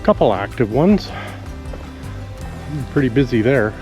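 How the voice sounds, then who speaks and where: A man vlogging outdoors on a country walk, musing aloud in a relaxed, rambling way with pauses as he thinks. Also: medium pitch, faint music behind. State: out of breath after a steep climb.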